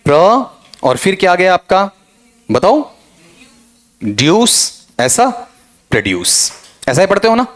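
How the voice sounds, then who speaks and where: Lively male English teacher. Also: fairly quick, soft background music. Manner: quizzing students with constant checks, "ok?"; lively, swings high and low in pitch. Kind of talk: exam-prep pronunciation lesson.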